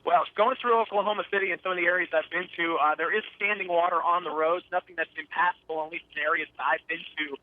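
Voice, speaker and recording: Calling in by phone, a storm chaser gives a live eyewitness account in a matter-of-fact but hesitant way. He speaks fast with few pauses, in a fairly high, steady voice. The line is muffled and narrow, with no room sound.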